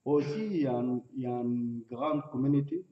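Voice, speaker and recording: A man in his thirties from Sudan, with a Sudanese accent, giving personal testimony in halting, broken French as a learner. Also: medium pitch. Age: 30s. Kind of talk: personal testimony at a public meeting. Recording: dull, echoey room, distant mic.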